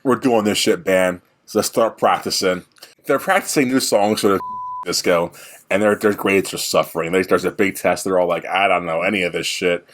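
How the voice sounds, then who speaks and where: Low-voiced man recapping a movie casually. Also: normal speed, fairly bright tone. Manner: rambling retelling with playful put-on voices. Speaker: podcast co-host.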